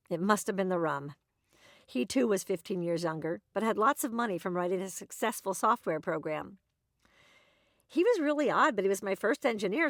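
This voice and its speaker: A woman's voice: mid-range voice, no room sound. A woman narrating her own documentary in a wry, dry storytelling manner.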